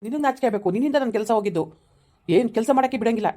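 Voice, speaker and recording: A woman's voice: on the high side, rapid-fire, dark tone, close to an everyday voice. Woman playing an indignant jilted young man. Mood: bitter. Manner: accusing, indignant. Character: angry jilted young man, broke and bitter. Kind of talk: village skit acting.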